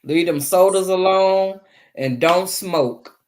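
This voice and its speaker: A woman in her seventies chatting casually as a guest, animated and quick to exclaim and laugh. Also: lowish voice. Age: 70s. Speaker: guest caller on a live chat. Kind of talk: casual chat.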